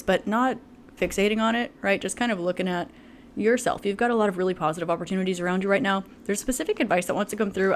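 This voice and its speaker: A woman's voice: mid-range voice, slight background noise. Chatty woman giving a tarot reading. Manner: chatty, laughs often, many fillers. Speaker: tarot reader. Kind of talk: casual tarot reading to camera.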